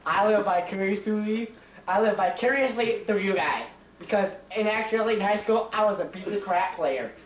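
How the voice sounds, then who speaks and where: A man's voice: high-pitched, normal speed, natural voice. A young man doing a comic teacher impression of a petty, self-important, repetitive basketball coach. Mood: boastful. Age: young adult. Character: boastful, petty male high school basketball coach. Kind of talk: teacher impression, comedy skit. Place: home kitchen. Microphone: camcorder across the room. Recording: roomy, distant, hissy home camcorder.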